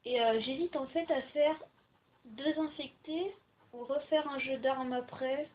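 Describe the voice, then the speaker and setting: A young woman who makes gaming videos rambles casually through her commentary, using frequent filler words. Her high voice is unhurried, and the home computer microphone cuts off the highs.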